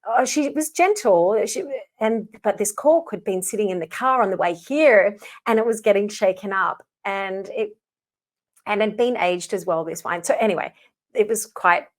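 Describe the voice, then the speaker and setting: A woman co-hosts a casual podcast chat, telling stories with lively energy and frequent laughter. Her voice sits at a middling pitch for a woman. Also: normal speed. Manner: lively storyteller, laughs often. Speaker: podcast co-host.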